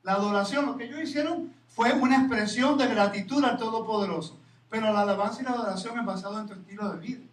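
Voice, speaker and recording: Man preaching, very high voice, animated rhetorical questions, echoey hall, distant mic, faint room hum. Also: fast. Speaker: Torah teacher. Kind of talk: sermon. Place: congregation hall.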